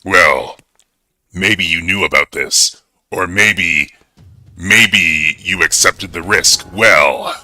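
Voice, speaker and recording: A man using a voice changer to play a menacing hacker villain who taunts his victims slowly. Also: pushed and bright, no room sound, studio quality, faint music behind, exaggerated voice. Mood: gloating. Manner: slow, gloating, mocking. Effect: voice changer, pitched way down. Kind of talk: livestream voice-changer bit.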